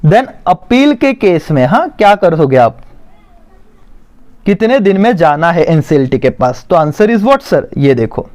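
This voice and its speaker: A man teaching a commerce exam-prep lesson, who dictates slowly and then explains quickly. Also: fairly high pitch, big pitch swings, darkish tone.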